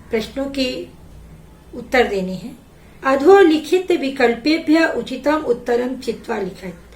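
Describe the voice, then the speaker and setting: A woman teaching a Sanskrit lesson, slowly reading each word and then giving its meaning. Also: a little high, a little mellow, reverberant. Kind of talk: slow classroom explanation.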